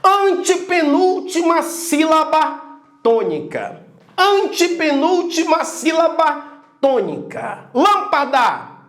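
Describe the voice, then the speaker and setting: A man teaching a grammar lesson with energy, loudly calling out syllables to show stress. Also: very high voice, big pitch swings, slow, reverberant. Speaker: Portuguese teacher.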